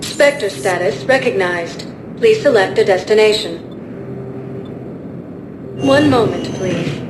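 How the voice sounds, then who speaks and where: A woman voicing a calm female station computer in a video game, making polite, measured automated announcements. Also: medium pitch, background noise. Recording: roomy game audio with loud music.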